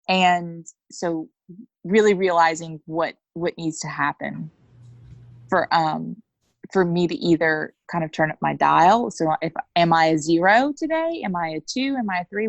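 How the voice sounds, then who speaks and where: Speaking frankly in a fairly low voice with vocal fry, a woman in her thirties appears as a coaching client and guest in a candid, conversational interview, acting out little lines of dialogue. No room sound comes through.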